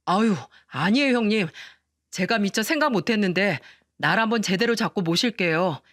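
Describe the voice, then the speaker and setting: Woman reading a meek young husband, soft and pleading, dry close sound, storytelling. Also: mid-range voice, animated, moderate pace, dry recording, lightly acted. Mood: apologetic. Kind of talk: storytelling radio narration.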